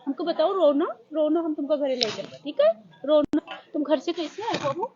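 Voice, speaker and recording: A woman's voice: sits high, lively intonation, normal speed, dull audio, background noise. A woman, a mother, pleading with and scolding her child with repeated questions.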